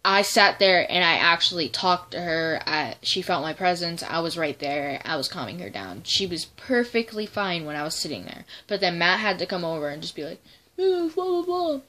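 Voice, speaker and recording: A woman's voice: fairly low pitch, pushed and bright. A teenage girl casually telling a personal story in a vlog, blunt and swearing with lots of fillers. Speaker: vlogger.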